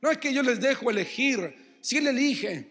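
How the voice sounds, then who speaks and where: Argentine pastor guy, high voice, preaching w lots of emphasis, big reverb hall. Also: animated, moderate pace, fairly bright tone, slightly rough. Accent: Argentine Spanish. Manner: preaching with dramatized quotes and rising emphasis. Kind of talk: sermon. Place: church hall.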